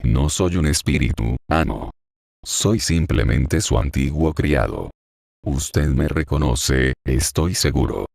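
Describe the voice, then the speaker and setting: A man's voice: extremely low pitch, slow, creaky, a little mellow, dry recording, studio quality, exaggerated voice. A man reading the part of a loyal young male servant in an audiobook, pleading earnestly with his old master.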